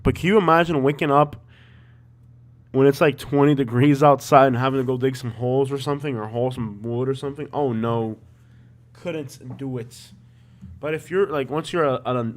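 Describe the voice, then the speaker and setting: Casual man with a Miami accent. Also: mid-range voice. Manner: informal, thinking aloud, peppered with "man" and "bro". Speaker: livestream host. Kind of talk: casual chat, live commentary on property listings.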